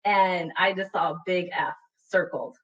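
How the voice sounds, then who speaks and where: A woman's voice: on the low side, fairly even intonation, measured pace, fairly bright tone. A woman from Utah, a panelist telling a personal story in a webinar, earnest and reflective, often checking in with "right?". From Utah, USA. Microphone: video call computer mic. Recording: dull, distant webinar audio.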